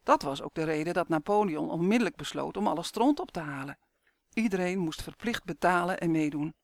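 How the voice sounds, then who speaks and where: A man reading a children's story aloud in steady, clear scripted narration. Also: fairly high pitch, a little fast, no room sound.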